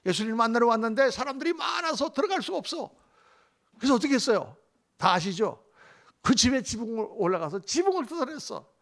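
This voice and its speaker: A man's voice: very high voice, sing-song, a little fast, a bit bright. A male pastor preaching a sermon, emphatic, often asking the congregation questions.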